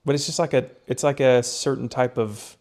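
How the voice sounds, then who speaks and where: A man's voice: medium pitch, fairly even intonation, moderate pace, darkish tone. A young man co-hosting a casual podcast, explaining research in a rambling way, with lots of fillers and restarts. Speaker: podcast co-host presenting research. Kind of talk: casual chat.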